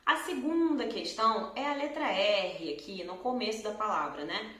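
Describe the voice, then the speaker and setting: A woman teacher from Brazil with a Carioca accent, explaining pronunciation slowly and clearly and drawing out example words. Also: mid-range voice, lively intonation, a bit bright. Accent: Carioca Brazilian Portuguese. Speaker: Portuguese teacher. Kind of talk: pronunciation lesson to camera. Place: room at home, in front of a door. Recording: echoey room.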